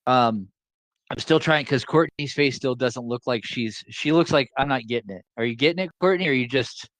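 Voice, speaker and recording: A man's voice: mid-range voice, moderate pace, a bit bright, no echo, rough recording. A man teaching a class over a video call, explaining in a casual, joking way and repeating his points to keep them simple. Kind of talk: casual online class lecture.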